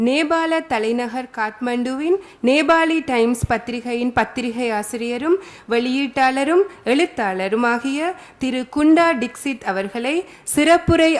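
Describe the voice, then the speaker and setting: A woman makes a formal scripted announcement as master of ceremonies. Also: fairly high pitch.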